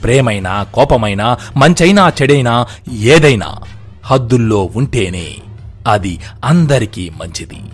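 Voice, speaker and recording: Husky, expressive male storyteller. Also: mid-range voice, measured pace, faint music behind. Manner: expressive, dramatic. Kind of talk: storytelling narration.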